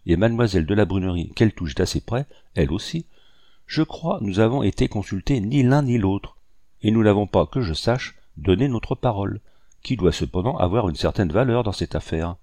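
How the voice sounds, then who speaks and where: A man's voice: fairly low pitch, animated, normal speed, dark tone, no room sound, studio quality. A man doing a cool, formal young man. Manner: polite, coldly composed.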